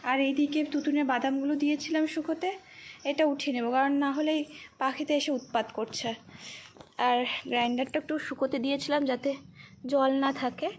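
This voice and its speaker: Soft-spoken high-voiced woman vlogger. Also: fairly even intonation, a little fast, slight background noise. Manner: soft-spoken, chatty, talks to her child in a sing-song voice. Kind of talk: casual daily-life vlog narration.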